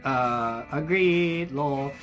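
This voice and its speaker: Speaking very slowly in a slightly bright, mid-range voice, a young hobby shop livestreamer chats casually and cheerfully over faint background music. They greet viewers by name and read their comments, gushing with warmth and filling the talk with fillers and restarts.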